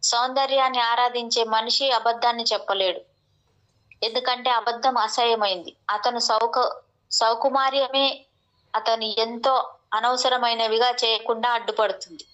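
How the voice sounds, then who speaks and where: A woman slowly reading a spiritual text aloud, with a few restarts. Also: a little high, steady tone, fairly bright tone, highs cut off. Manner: slow, measured reading with restarts.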